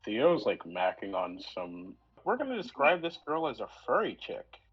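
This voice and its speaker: A man narrating as game master in a casual tabletop role-play, with many fillers and quick character voices. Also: medium pitch, huge pitch swings, breathy edge, highs cut off.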